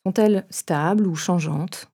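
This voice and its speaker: A woman leading a guided meditation, giving gentle, unhurried instructions in a soft voice with pauses between phrases. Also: on the low side, breathy edge.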